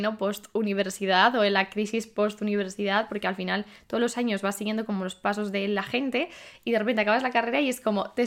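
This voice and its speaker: Woman in her 20s from spain, podcast chat, rambly and thinking out loud, lots of "like" and "you know", medium pitch. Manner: chatty, thinking aloud with many fillers and self-questions. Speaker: podcast host. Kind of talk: casual monologue.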